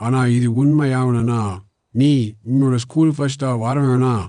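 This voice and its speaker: A man's voice: mid-range voice, steady tone, measured pace, warm tone, dry recording, studio quality, close to an everyday voice. A man playing a mysterious bald stranger who soothes a crying boy and promises him magic. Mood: coaxing.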